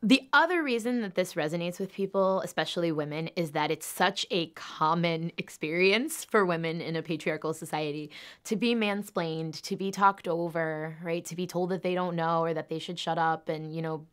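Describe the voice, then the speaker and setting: A woman's voice: fairly low pitch, fairly bright tone, clear, resonant tone. A woman linguistics professor explaining speech and parody in an analytical way, with examples. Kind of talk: explanatory interview.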